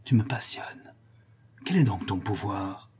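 A man's voice: fairly low pitch, measured pace, dark tone, breathy edge. Man voicing a seductive cunning woman, half-whispered. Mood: seductive whispering. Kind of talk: audiobook character reading.

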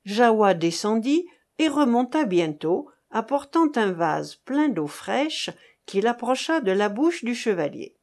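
A woman reads a classic novel aloud as an audiobook narrator. Her delivery is slow and measured, and her pitch moves in a lively, melodic way. It sounds like scripted literary narration.

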